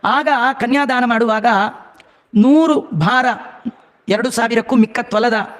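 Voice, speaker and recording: High-voiced man telling a devotional story. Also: slow pace. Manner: animated, asks the audience rhetorical questions. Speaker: religious discourse speaker.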